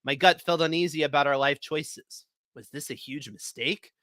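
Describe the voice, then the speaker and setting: A man hosting a live event, reading stories aloud in a lively, expressive way. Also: fairly high pitch, moderate pace, dry recording. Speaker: host.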